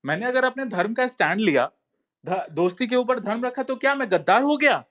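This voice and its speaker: A man's voice: very high-pitched, lively intonation, brisk, a bit bright. A man giving a heated monologue in an online talk space, insistent and repetitive, often calling listeners brother. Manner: insistent, repeats phrases and says "bhai" often. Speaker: social media commentator.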